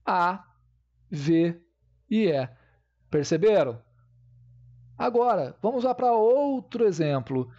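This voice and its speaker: A man's voice: sits high, very animated, slow, long pauses, warm tone, dull audio. A man teaching a grammar lesson, explaining step by step and checking in with his viewers.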